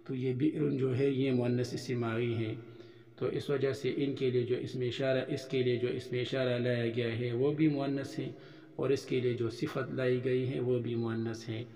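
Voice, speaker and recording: A man's voice: medium pitch, flat delivery, moderate pace, mellow. A man teaching an Arabic lesson, patiently explaining each point and drawing out the example words. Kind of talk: recorded religious-school lesson. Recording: roomy hall echo.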